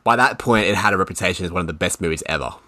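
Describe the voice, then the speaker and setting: A man's voice: sits low, rapid-fire, bright, forceful tone. A man co-hosting a podcast, chatting casually and explaining at length, laughing often. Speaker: podcast co-host. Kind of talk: casual chat.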